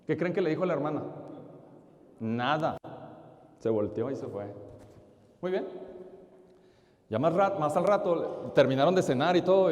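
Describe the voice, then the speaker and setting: Lively man preaching in an echoing church. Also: mid-range voice. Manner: lively, asks the audience questions. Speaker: lay preacher at a retreat. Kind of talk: storytelling sermon. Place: large church. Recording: echoey church hall.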